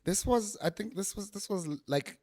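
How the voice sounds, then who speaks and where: During a casual podcast interview, a man in his thirties who plays music laughs often and keeps restarting his sentences, sounding giggly and unsure. His voice sits high and is a little mellow, lively in intonation, at a normal pace.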